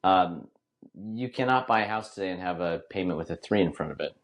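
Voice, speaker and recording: Fast-talking low-voiced man chatting. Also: lively intonation. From Northern California. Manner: rambling, quick, many restarts and fillers. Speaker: podcast co-host. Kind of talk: casual chat.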